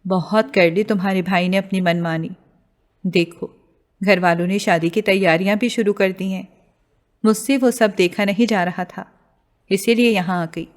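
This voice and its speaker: A woman voicing a defiant young female student who speaks in raised, sharp tones. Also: medium pitch, steady tone, close to an everyday voice. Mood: bitter.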